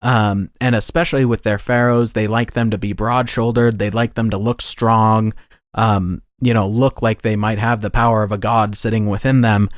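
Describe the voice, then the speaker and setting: A man's voice: lowish voice, flat delivery, normal speed, no room sound, clean studio sound. A man hosting a podcast, talking casually in a rambling way with many restarts and self-corrections. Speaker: podcast host.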